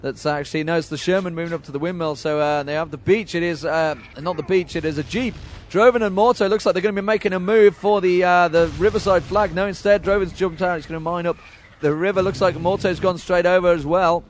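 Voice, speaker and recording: A man giving rapid live play-by-play commentary on a video game match at a LAN event. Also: sits high, steady tone, a little hiss or hum. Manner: rapid play-by-play, chuckles often. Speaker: esports commentator. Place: noisy LAN event hall.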